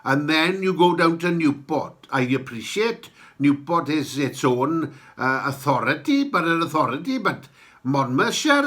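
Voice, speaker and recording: A Welsh-accented man hosting a podcast, giving an opinionated, halting political monologue with emphatic points. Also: a little high, pushed and bright. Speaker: podcast host.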